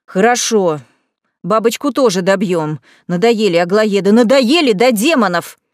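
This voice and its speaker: A stern, tired male guardian speaks low and cold, as a woman reading a storybook puts him on. His lines come dry and close, with a menacing edge that can turn into barking. The voice sits fairly high for a man. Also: normal speed, smooth, dry recording, lightly acted. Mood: furious. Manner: cold, menacing, then shouting. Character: stern weary male camp guardian, quick-tempered.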